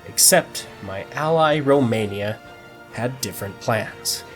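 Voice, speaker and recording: A man's voice: mid-range voice, animated, slow pace, faint music behind. A man narrating a strategy game campaign in a mock-dramatic storytelling tone, breaking it with dry joking asides.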